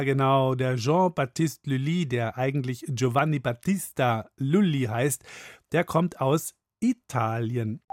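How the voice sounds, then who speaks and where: A man hosting a children's audio program, speaking directly to young listeners and quizzing them. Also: medium pitch. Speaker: host explaining to children. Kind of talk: friendly explaining to kids.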